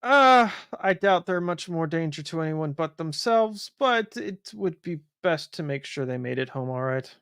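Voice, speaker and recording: A man's voice: a little high, expressive, fairly bright tone, smooth, no echo. Polite man playing a tabletop game, dry sound. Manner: polite, measured, some fillers. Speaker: player. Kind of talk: tabletop role-play, partly in character.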